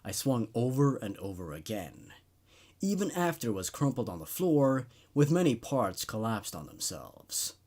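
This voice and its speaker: A man hosts a horror story show, narrating stories dramatically and then offering laid-back commentary on them. His voice is medium in pitch, a little mellow, with a breathy edge.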